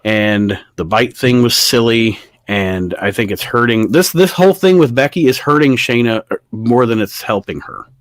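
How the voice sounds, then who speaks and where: A man co-hosting a podcast talks through his views in a casual, opinionated way and reads viewer comments aloud. His voice sits at a middle pitch. The sound is dry and close. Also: normal speed, few pauses, no room sound. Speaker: podcast co-host. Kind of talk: casual wrestling chat.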